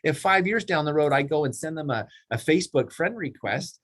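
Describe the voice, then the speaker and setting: A middle-aged man runs a team meeting, coaching real estate agents in casual, rambling, animated talk and often acting out clients in a raised voice. His voice is a little high and a little fast.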